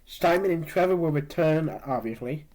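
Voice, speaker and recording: A man co-hosting a casual podcast chat, sniffly from allergies and talking in a relaxed, chatty way. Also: a little high, moderate pace, low-quality recording. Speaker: podcast co-host.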